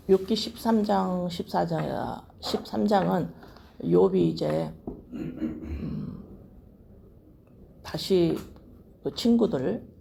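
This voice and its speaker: A woman's voice: on the low side, creaky, warm tone, slight background noise. A woman pastor giving a midweek Bible teaching, reading scripture aloud and explaining it in a conversational way, often checking in with her listeners. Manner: reads scripture aloud, then restates it plainly.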